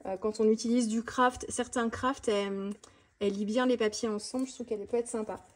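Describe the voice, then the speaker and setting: A woman vlogger chatting fast and casually about her art supplies, with many fillers and restarts. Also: a little high, fairly even intonation. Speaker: mixed-media art vlogger. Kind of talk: casual tutorial chat showing art supplies.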